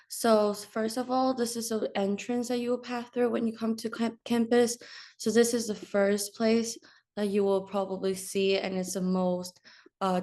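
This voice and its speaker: A woman's voice: medium pitch, warm tone. A young woman from China, a student, casually showing viewers around her school campus with many fillers. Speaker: student tour guide. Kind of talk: informal campus tour narration.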